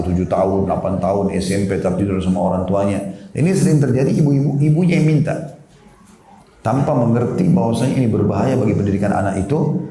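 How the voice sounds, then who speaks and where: Male preacher, rapid delivery, mellow low voice, roomy echo. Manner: conversational lecturing, acts out children's questions. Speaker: Islamic preacher. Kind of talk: sermon.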